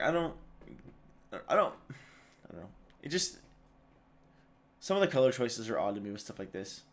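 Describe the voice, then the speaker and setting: Tired man rambling through casual commentary. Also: medium pitch. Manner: rambling, full of fillers and restarts. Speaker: video host.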